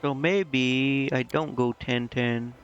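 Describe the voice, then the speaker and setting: Faint music sits behind this man's medium-pitched, steady voice as he speaks slowly. A video game streamer, he offers laid-back commentary and muses over menus, doubting himself along the way. Audio is muffled and lo-fi, with clearly audible background noise.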